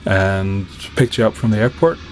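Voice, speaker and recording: A man with a Norwegian accent recalls recording sessions with his band in a relaxed interview. His voice is low and friendly. Faint music sits behind the talk. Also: normal speed. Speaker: singer, bassist and songwriter.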